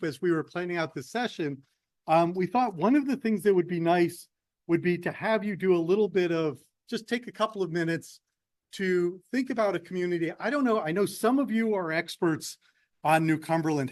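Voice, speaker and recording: A man's voice: high voice, expressive, a little fast, a little mellow, dry recording. A man, a professor, leading a workshop, speaking conversationally and addressing the audience directly. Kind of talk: lecture with instructions. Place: meeting room.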